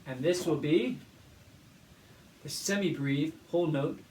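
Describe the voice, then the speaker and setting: A man teaching a primary school music lesson, explaining clearly and patiently and chanting rhythms aloud. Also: on the high side, a little slow, darkish tone. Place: classroom. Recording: echoey room, mic at a distance, faint noise.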